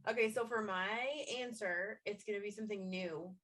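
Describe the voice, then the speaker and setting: A woman hosting a casual chat with friends, telling animated stories about her family and acting out her child's voice. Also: medium pitch, moderate pace. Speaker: podcast host. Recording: quiet, distant mic.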